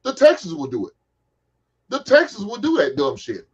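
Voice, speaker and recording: A man's voice: sits high, huge pitch swings, normal speed, slightly rough. Joking forties man, muffled sound. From San Francisco Bay Area. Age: 40s. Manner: loose, joking, swears freely. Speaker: podcast host. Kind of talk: casual sports chat.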